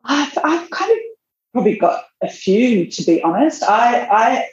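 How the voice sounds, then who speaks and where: Talking casually in a podcast interview, a middle-aged magazine editor from Australia laughs often and keeps restarting her sentences. Her voice is on the high side, darkish and very animated, at a measured pace, and the remote audio sounds roomy and dull.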